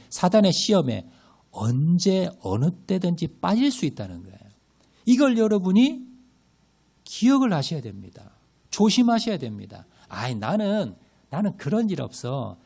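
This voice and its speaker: A male pastor preaches a sermon, asking the congregation rhetorical questions and leading them in scripture reading. His voice is warm and mellow, sits somewhat high for a man, and swings widely in pitch. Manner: leads group scripture reading.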